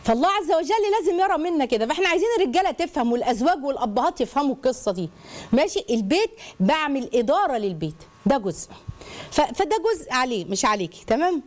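A woman with an Egyptian accent hosting a call-in advice show, talking briskly and expressively and checking in with her listeners. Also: high voice. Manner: brisk, expressive, asks listeners questions and acts out quoted voices.

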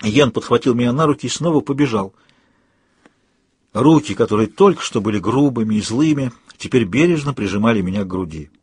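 A man narrating an audiobook in a steady storytelling delivery. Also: medium pitch, a little fast, breathy edge, no room sound.

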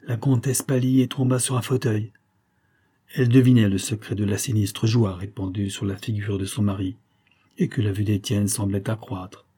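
A man narrating a classic novel as an audiobook in a measured, dramatic reading. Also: on the low side, flat delivery, mellow, slightly rough.

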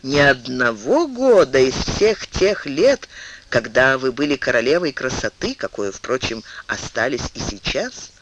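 A man reading an audiobook, voicing a composed older queen who speaks softly, measuredly and with a maternal sternness. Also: medium pitch, big pitch swings, unhurried, background noise. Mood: wistful.

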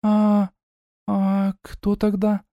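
A man's voice: sits high, completely flat delivery, drawn-out words, no echo, highs cut off, pitched above the performer's own voice, full character voice. A man voicing an earnest, anxious young woman, the hero's elder sister, with an emotional, pleading way of speaking.

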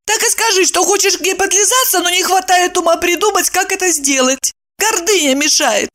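A woman voicing a hot-tempered young woman, a younger sister who snaps and shouts in a shrill voice in an audiobook. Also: fairly quick. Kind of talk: audiobook character voice.

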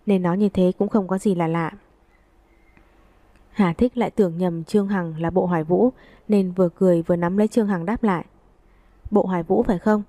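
Mellow-voiced woman narrating an audiobook. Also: on the low side, no echo. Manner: steady, even storytelling.

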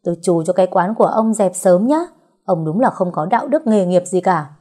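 A woman's voice: fairly low pitch, a little fast, breathy edge. Woman voicing a fierce, desperate young woman. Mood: angry. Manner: sharp-tongued, tearful.

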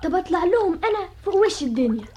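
A woman's voice: very high voice, big pitch swings, racing, crowd noise. A woman voicing an eager young jinn prince in an Egyptian radio play, insistent and wheedling, with an Egyptian accent. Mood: pleading. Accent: Egyptian Arabic. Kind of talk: 1960s Egyptian radio drama acting. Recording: dull old radio recording.

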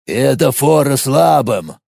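A man doing a slow gravelly orc. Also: medium pitch, expressive, darkish tone, dry recording, clean studio sound, heavily acted. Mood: gruff. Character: big slow-spoken male orc, calm and gruff. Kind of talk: audiobook character voice.

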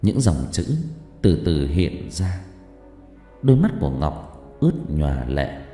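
A man narrating a horror story expressively, dropping low for tense moments. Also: measured pace. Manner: expressive, sinking low for dread. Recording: heavy hall reverb with music.

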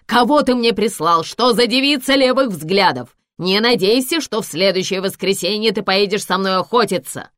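A woman reading an audiobook voices a blustering aristocratic man who barks his lines loudly and irately. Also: mid-range voice, big pitch swings, normal speed, hardly any pauses, no echo, clean studio sound. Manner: loud, irate, barking.

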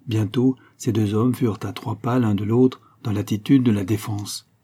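A man reading a historical novel aloud in a steady, measured storytelling voice. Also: fairly low pitch, breathy edge. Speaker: audiobook narrator. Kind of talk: scripted narration of a historical novel.

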